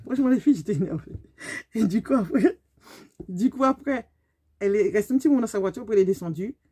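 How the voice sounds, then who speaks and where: A woman, telling a story to her viewers in a lively, emphatic way. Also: mid-range voice, fast talker, breathy edge. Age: 50s. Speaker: beauty vlogger. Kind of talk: storytime vlog.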